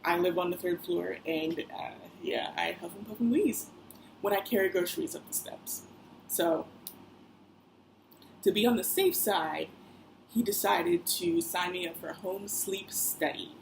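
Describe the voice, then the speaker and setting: A young woman's lowish, creaky voice moves along unhurriedly as she vlogs about her day in a loose, chatty way, full of fillers and side remarks. The audio is poor, with a faint noise in the background.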